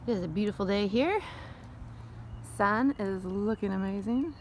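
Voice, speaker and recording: A woman's voice: medium pitch, normal speed, slight background noise. A woman vlogging outdoors on a sunny day by a wood fire, giving a casual how-to demonstration in a chatty, rambling way full of tangents. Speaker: vlogger showing how to make lye.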